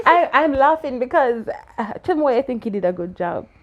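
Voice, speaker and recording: A woman with a high, very animated voice talks at a moderate pace, her tone a bit bright, in a muffled recording. Acting as an aunt after a story reading, she guides a child through the story with questions, laughing often and playfully challenging the child's answers.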